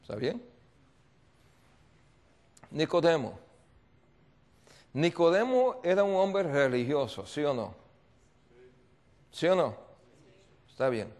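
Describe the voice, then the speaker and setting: A man's voice: fairly high pitch, very animated, slow pace, pauses often, a little mellow. A male pastor preaching a seminar sermon, telling a story and repeatedly quizzing his audience with call-and-response questions. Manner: storytelling with acted voices.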